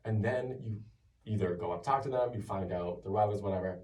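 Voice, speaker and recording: A man hosting a casual podcast chat, teasing and quick with quips. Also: on the low side, darkish tone, roomy sound, far from the mic. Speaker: podcast host.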